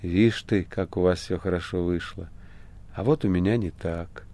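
A man voicing a young male hospital patient in an audiobook, soft and wistful by turns. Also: low-pitched, steady tone, normal speed. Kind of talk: audiobook character voice.

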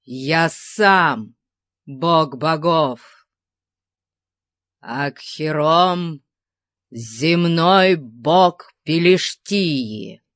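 A woman doing a slow, menacing tyrant. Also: low voice, fairly bright tone, no room sound, clean studio sound, heavily acted. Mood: exalted. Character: cruel fanatical male tyrant priest.

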